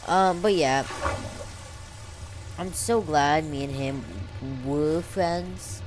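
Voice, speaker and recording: A young female vlogger with a low voice and a slow pace. She talks casually and without a script, rambling through slang and stumbling over words. Her R sounds come out as W, a clear speech impediment. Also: music in the background, rough recording. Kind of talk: casual unscripted life-story chat over gameplay.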